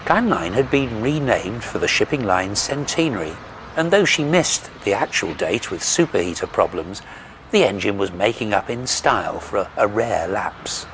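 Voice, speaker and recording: Male documentary narrator, fairly deep, polished storytelling delivery, with noticeable vehicle noise behind. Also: expressive, normal speed.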